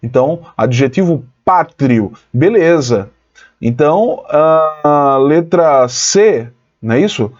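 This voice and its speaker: Lively teacher man, dull lo-fi sound. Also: a little high, slow pace. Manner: lively, explanatory, addresses students as "pessoal". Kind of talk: online exam-prep lesson.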